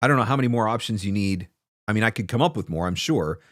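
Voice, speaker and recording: A man in his forties with a lowish voice hosts a livestream as a voice-over marketing coach, answering comments with casual, emphatic advice. He's animated and quick, speaking close to a desk mic in a small home studio, and the recording is dry.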